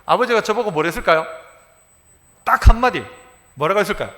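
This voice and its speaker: Animated high-voiced pastor in a reverberant church. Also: male voice, a little fast. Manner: animated, quotes dialogue in dialect, shouts for emphasis. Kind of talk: sermon. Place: church sanctuary. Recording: church sanctuary with long reverb.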